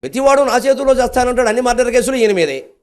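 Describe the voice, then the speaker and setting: A man's voice: very high-pitched, rapid-fire. An older man with a Telugu accent delivering a devotional discourse, telling the epic with humorous asides and acted-out quotes. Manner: animated storytelling, acting out quotes, humorous asides. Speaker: spiritual discourse speaker.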